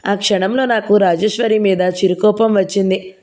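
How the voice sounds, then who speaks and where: A woman narrating a novel in the first person, in a steady storytelling manner. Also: medium pitch, moderate pace. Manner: steady storytelling, reading dialogue aloud. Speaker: audio novel reader.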